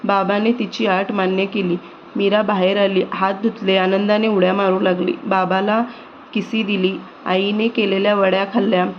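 A woman narrating a children's story in a steady storybook reading. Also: medium pitch, moderate pace. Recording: dull lo-fi recording with faint noise.

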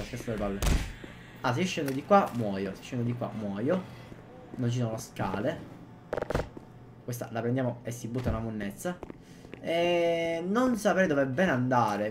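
A man, giving excitable gameplay commentary and often repeating his exclamations. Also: medium pitch. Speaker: gaming youtuber. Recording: loud background noise.

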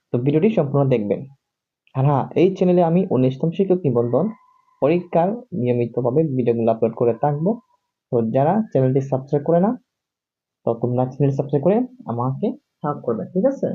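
A man's voice: mid-range voice, slightly rough. A man teaching English reading in a video lesson, drilling words again and again and asking the viewer whether they see. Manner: repetitive, drills words over and over. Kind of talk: classroom-style video lesson. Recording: dull lo-fi recording.

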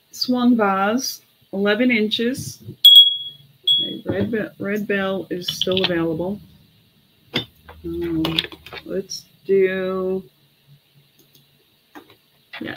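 Unhurried middle-aged woman, casual auctioneer. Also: medium pitch, background noise. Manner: informal auctioneer, calling bids and prices between chatty asides; unhurried, with pauses. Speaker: online auction host selling vintage glass. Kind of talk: casual live-sale chat. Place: small home room, indoors.

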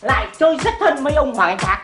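A man's voice: very high voice, big pitch swings, fast talker, over music. An actor playing a bossy, blustering older male local official in a stage comedy sketch. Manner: bossy, blustering, threatens then fawns. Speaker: comic actor. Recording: echoey stage with audience laughter.

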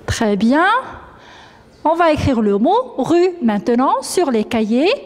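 Slow, high-voiced woman teacher dictating. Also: sing-song, darkish tone, big-room sound. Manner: slow, deliberate dictation, repeating each word. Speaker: primary school teacher. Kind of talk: classroom dictation lesson.

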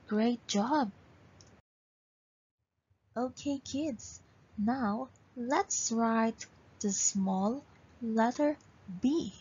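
A woman's voice: fairly high pitch, mellow, breathy edge. A woman kindergarten teacher giving a children's English lesson in a broad singsong, with repeated prompts and praise, on a lo-fi recording. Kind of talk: slow, instructional children's lesson. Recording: dull, lo-fi home recording.

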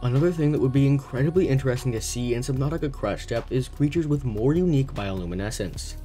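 A young man reading a scripted gaming video essay in a steady, explanatory way. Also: mid-range voice, fast. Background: faint background music.

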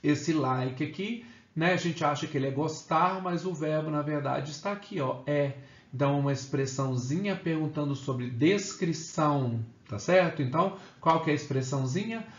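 A man's voice: on the high side, moderate pace. A man teaching an English grammar lesson to Portuguese speakers, explaining step by step and checking in with "né?" and "ok?". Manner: explains step by step, often adds "né?" and "ok?". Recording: echoey room, slightly dull sound.

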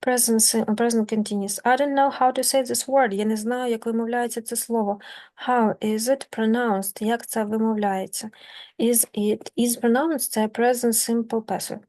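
A Ukrainian-accented woman teaching beginner English grammar, reading example sentences slowly and translating them, affectionate toward her students. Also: a little high, steady tone, darkish tone. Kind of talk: grammar lesson explained in Ukrainian.

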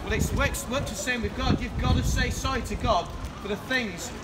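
A man preaches outdoors on a rainy shopping street, his voice very high and picked up from a distance. He talks to people walking past and keeps putting questions to them. Loud street noise sits under everything he says. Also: moderate pace. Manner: chatty, questions passers-by directly. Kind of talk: open-air street preaching. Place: rainy town-centre pedestrian street, outdoors. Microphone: far camera across the street.

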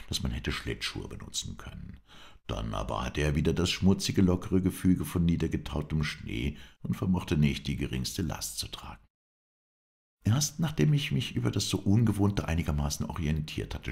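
A man narrating an adventure novel as an audiobook, in an even storytelling manner. His voice sits extremely low and is gravelly, yet his intonation rises and falls in a lively way. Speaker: audiobook reader.

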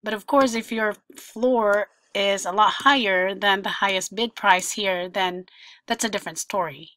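A woman's voice: medium pitch, a little slow, fairly bright tone, no room sound. A woman presenting a screen-share tutorial, talking through each example step by step in an explanatory way.

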